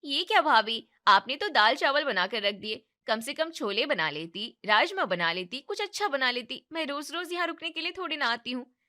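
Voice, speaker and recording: A woman voicing a lazy, demanding young married woman who gives orders in a bossy, entitled way in an animated story. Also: high-pitched, normal speed.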